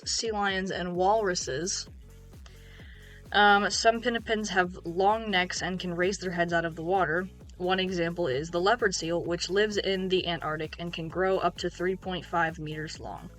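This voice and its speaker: Casual woman reading with soft music. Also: fairly low pitch, steady tone, moderate pace. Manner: reads from an article with ums and restarts. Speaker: YouTube host. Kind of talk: casual reading of a cryptid video. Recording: faint background music.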